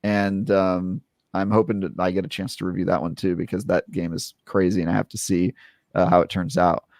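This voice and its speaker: Low-voiced man rambling through a podcast. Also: brisk, dry recording, clean studio sound. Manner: rambling, filler-heavy, animated retelling. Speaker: podcast co-host, game reviewer. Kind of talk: casual podcast chat.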